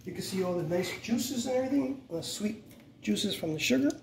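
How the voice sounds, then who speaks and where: A middle-aged cooking show host leads a casual, step-by-step home recipe demonstration, staying relaxed and instructive while correcting himself and saying "go ahead and" repeatedly. His high voice moves fairly quickly and has vocal fry. Because a camera mic records him from across a bright home kitchen, the sound is roomy and distant with background noise.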